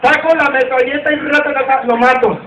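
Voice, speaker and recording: A man's voice: very high-pitched, fairly even intonation, a little fast. A man putting on an effeminate young male army recruit with a flouncy, sing-song manner. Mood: coy. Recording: echoey, distant, loud crowd.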